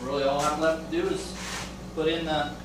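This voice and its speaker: In an echoey garage, a DIY vlogger's camera mic picks him up from a distance along with background noise. The middle-aged man speaks at a normal speed in a fairly high voice, casually and explanatorily describing a woodworking build in his workshop with lots of ums.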